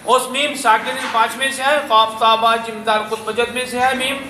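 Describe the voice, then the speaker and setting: A man with a Pakistani Urdu accent teaching Quran recitation in a madrasa class, drilling single syllables and chanting verses slowly. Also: very high-pitched, fairly even intonation, bright, forceful tone, reverberant, poor audio. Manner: corrects pronunciation by repeating syllables, then chants verses slowly.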